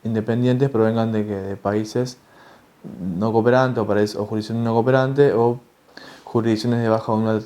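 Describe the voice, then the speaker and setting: A man giving a tax lecture, talking in a halting way with many fillers and restarts. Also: on the low side, steady tone, dark tone. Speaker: tax instructor.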